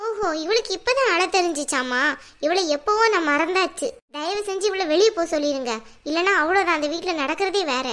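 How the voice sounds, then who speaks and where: A woman voicing a scornful cartoon mother, high-pitched. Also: expressive, brisk, fairly bright tone. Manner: scornful, scolding. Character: bitter middle-aged mother, harsh and scolding. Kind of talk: cartoon voice acting.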